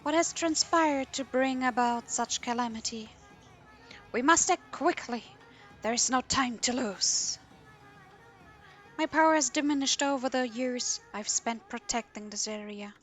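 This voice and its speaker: Woman playing pleading, high-voiced video game tree spirit, old guardian, music under. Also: a little slow, natural voice. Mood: urgent. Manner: earnest, pleading, raised voice. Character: gentle but worried female wood sprite, old guardian.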